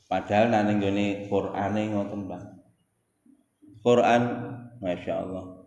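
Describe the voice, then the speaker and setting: Male preacher, Javanese accent, slow and low, warm dark tone, echoey hall with long reverb. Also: steady tone. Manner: mixes Javanese into Indonesian, addresses listeners as "Pak", chants Quran verses. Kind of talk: sermon.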